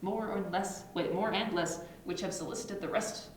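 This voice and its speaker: A woman's voice: on the low side, moderate pace. A woman voicing a bitter, dying young prince in an amateur read-through of a Shakespeare play, fading yet urgent, sometimes stumbling over the lines. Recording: echoey room, distant mic, noisy.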